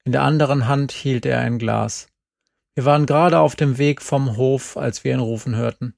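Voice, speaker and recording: Gravelly male storyteller, dry close mic. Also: medium pitch, dry recording. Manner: calm, measured, lingering. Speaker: audiobook reader. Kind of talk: scripted first-person narration.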